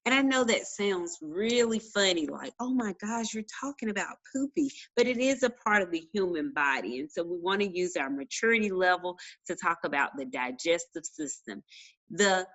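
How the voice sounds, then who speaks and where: Chatty woman teacher, lowish voice. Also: animated, moderate pace, a bit bright, poor audio. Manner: chatty, talks while chewing a cracker; playful, addresses kids as boys and girls. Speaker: science teacher. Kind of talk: casual online lesson.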